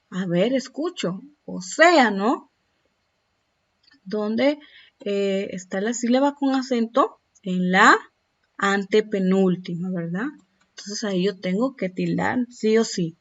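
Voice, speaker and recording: A woman teaching a grammar lesson to primary school children, stretching out syllables slowly, then asking the class questions and answering them herself. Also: on the high side, fairly bright tone. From Peru. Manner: slow and deliberate, stretching out example words and syllables. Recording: dull distant lo-fi recording.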